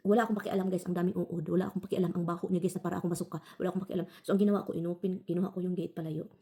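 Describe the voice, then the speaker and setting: A woman's voice: lowish voice, fairly even intonation, very fast, mellow, husky. A woman from the Philippines telling a rambling story to her viewers, calling them "guys" all the time and restarting her sentences. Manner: frequent self-corrections and restarts. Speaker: vlogger.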